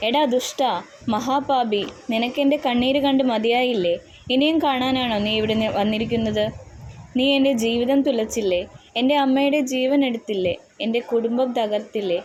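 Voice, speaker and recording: A woman's voice: medium pitch, normal speed, darkish tone, close to an everyday voice. A woman voicing a young woman, an older sister figure in a story, who speaks with impassioned grief and curses. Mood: anguished. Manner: impassioned, cursing in anguish.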